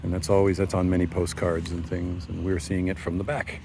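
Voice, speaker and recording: A man narrating a casual walking tour of an old fortress outdoors, rambling with many pauses and fillers, recorded on a handheld camera mic. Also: deep voice, little pitch movement, vocal fry, background noise. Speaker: tour guide vlogger.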